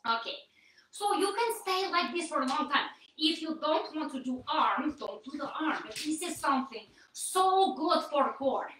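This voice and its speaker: A woman's voice: sits high, lively intonation, moderate pace, a bit bright, very echoey, far from the mic, poor audio. A woman leading a live-streamed yoga core workout in a stilted, put-on persona voice, coaxing and encouraging her viewers. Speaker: workout instructor.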